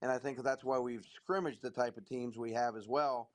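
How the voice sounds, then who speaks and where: A man, a high school basketball coach, speaking as an interview guest in a measured way, repeating phrases as he thinks. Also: fairly even intonation.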